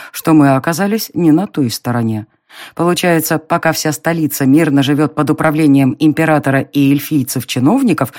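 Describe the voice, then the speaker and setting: A narrator reading a first-person novel aloud in an expressive storytelling manner. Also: medium pitch. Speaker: audiobook narrator.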